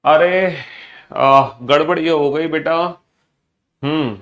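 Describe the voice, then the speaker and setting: A man teaching a live online class, energetic, repeating his phrases and mixing Hindi with English terms. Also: fairly high pitch, takes it slowly, muffled recording. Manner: energetic, repeats phrases in sing-song greetings.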